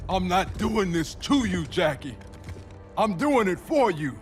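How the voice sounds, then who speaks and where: An anguished soldier father in a dramatic video game. He is earnest and blunt, his somewhat high voice moving widely in pitch. Soft music sits underneath. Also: big pitch swings, unhurried. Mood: pleading, anguished. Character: gruff, anguished soldier father, protective and stubborn.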